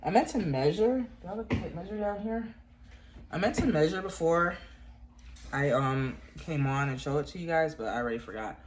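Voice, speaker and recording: Sitting low, expressive and at a moderate pace, this woman's voice has a faint hiss or hum behind it. She's a yarn crafting vlogger with a cold-congested, stuffy voice, rambling about crochet to viewers at home with lots of fillers and restarts.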